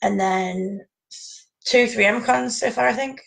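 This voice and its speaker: A woman chatting casually as a podcast co-host. Her voice is strongly creaky and gravelly, and she rambles from one point to the next, laughing often. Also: fairly high pitch, a little slow. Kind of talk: casual chat about fan conventions.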